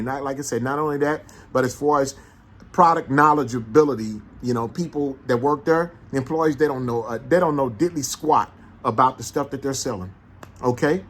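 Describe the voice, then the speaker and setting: A man with a St. in a casual, animated monologue, making his points with repeated rhetorical questions. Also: mid-range voice, slight background noise. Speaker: vlogger.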